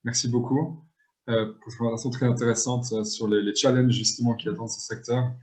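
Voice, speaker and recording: A man's voice: mid-range voice, little pitch movement, a little fast, mellow. A man moderating a talk, politely and formally thanking and introducing speakers.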